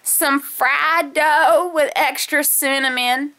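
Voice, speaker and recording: A woman's voice: sits high, fairly even intonation, pushed and bright, full character voice. A woman playing a confused 87-year-old lady, rambling and apologetic on a prank phone call. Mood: relieved. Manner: rambling, slow, apologetic, feigns mishearing.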